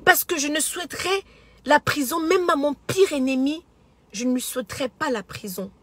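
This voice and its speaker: This is a passionate direct-to-camera social media monologue from a female entrepreneur with a Cameroonian French accent who keeps tripping over repeated words. She speaks high and fairly bright at a moderate pace, recorded dry.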